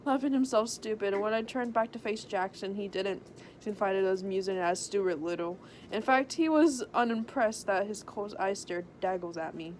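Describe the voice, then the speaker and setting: A woman's voice: medium pitch, normal speed, darkish tone. A woman reading a story aloud as a joke, stumbling over words and giggling. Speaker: reader of a story. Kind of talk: joking read-aloud of fan fiction.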